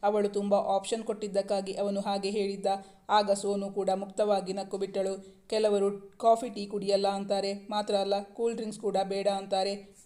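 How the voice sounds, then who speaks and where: A woman narrating a romantic novel as an audiobook, calm and steady. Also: mid-range voice, moderate pace. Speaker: storyteller.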